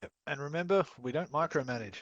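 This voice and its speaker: A man running a casual voice-chat training session, blunt and sweary, acting out quick quoted exchanges. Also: on the high side, no echo, highs cut off. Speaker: training instructor.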